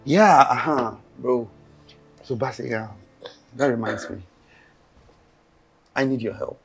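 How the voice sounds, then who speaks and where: An actor playing an earnest young Nigerian man in a film drama, with a husky, gravelly voice. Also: mid-range voice, slow, soft background music, heavily acted, poor audio.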